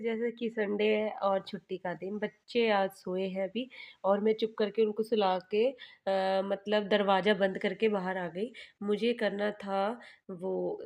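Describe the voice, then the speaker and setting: A woman in her thirties from Uttarakhand narrates her family's day for a vlog. She talks to her viewers in a relaxed, chatty way, like a mother telling a friend about her children and her chores. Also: medium pitch. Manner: chatty, homely storytelling that speaks to viewers as "guys".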